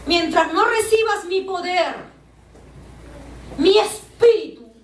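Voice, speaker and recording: A woman's voice: extremely high pitch, slow pace, slight background noise. A woman preacher giving an impassioned sermon, often calling out to her listeners as brothers. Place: church hall. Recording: echoey church from far off, faint ambience.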